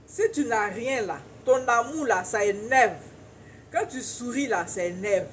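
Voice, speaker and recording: A woman's voice: fairly high pitch, lively intonation, a little slow, a little hiss or hum. A woman with an Ivorian French accent giving emphatic relationship advice to viewers in a casual monologue, laughing often and repeating points for emphasis.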